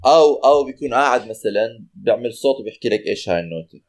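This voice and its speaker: A man's voice: mid-range voice, racing. A man with a Levantine Arabic accent explains casually, switching between Arabic and English mid-sentence. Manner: animated explainer, hesitant repeated words. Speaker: guest who takes singing lessons.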